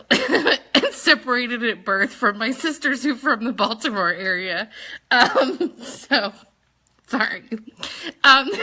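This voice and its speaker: A high-pitched, bright-voiced woman in her thirties talks in a casual, chatty way with a Southern twang. She was raised in Maryland and keeps breaking into laughter while coaching her team. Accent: Southern US, put on when talking fast. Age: 30s. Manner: chatty, animated, laughs often, quotes others in voices. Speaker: sales team leader. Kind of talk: casual live training talk.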